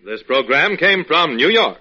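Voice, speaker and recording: A man's voice: a little high, very animated, measured pace. A man with an American accent announcing and narrating a 1940s radio serial in a theatrical, suspenseful old radio announcer style. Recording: dull vintage radio broadcast, loud music.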